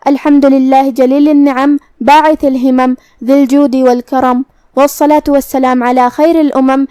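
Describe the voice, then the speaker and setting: A woman teaching Quran recitation, explaining each letter patiently and reciting verses slowly and precisely. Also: sits high, darkish tone, no room sound, studio quality. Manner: precise, patient, drawn-out articulation of each sound. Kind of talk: slow, careful tajweed lesson with recitation.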